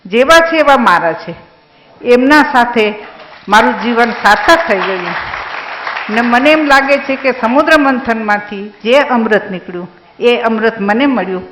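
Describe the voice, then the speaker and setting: An older woman giving a personal reminiscence speech about her husband, with a gently humorous storytelling manner. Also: a little high, expressive, measured pace, roomy sound, a faint crowd, slight background noise, low-quality recording. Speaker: speaker's wife giving a tribute.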